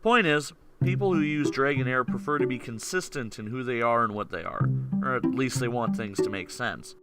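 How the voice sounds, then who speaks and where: A man doing comedic scripted voice-over narration in a sarcastic, lively way, often raising his voice to rant. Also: medium pitch, normal speed. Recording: loud background music.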